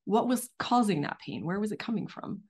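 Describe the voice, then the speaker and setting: A woman hosting a casual interview over a video call, expressive and quick to act out her own past thoughts. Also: mid-range voice, breathy edge. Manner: expressive, laughs, acts out quoted thoughts. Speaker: interviewer host.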